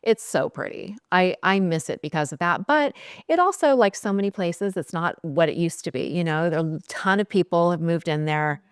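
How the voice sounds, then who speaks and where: A chatty woman in her forties from California, with a low, smooth voice. She talks casually as an interview guest and laughs easily. The sound is dry and close. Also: expressive, normal speed, no room sound. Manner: chatty, laughing, many fillers. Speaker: guest, skincare founder.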